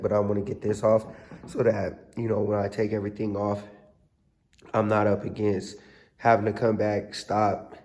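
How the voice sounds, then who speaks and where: Hosting a laid-back, slangy car repair vlog in a workshop, the man sounds hoarse and a bit ill. His voice is lowish and mellow.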